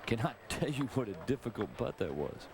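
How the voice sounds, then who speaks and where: A man's voice: medium pitch, very animated, fairly quick, creaky, a crowd in the background. A man giving analytical live golf commentary as a broadcast analyst. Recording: noisy outdoor broadcast on VHS tape.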